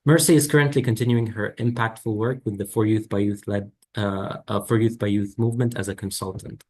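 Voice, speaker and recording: A young man from the Levant moderating an online webinar, speaking in a measured, reflective way with occasional fillers. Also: lowish voice, steady tone, darkish tone. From Lebanon or Syria. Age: young adult. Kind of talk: formal introductory talk. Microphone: video call.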